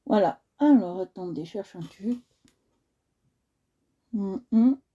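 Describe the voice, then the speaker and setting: A woman's voice: medium pitch, lively intonation, slow pace, mellow, dull audio. Chatty woman hosting a coloring livestream. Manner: chatty, repeats herself, addresses viewers directly. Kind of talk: casual livestream tutorial.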